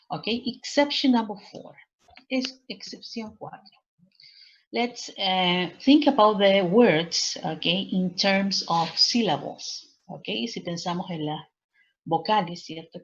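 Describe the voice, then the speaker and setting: Low-voiced woman teaching grammar. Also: husky. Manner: explains slowly in Spanish, checks with frequent "ok?" and "cierto?". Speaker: English teacher. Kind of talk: recorded online class lecture. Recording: muffled lo-fi recording.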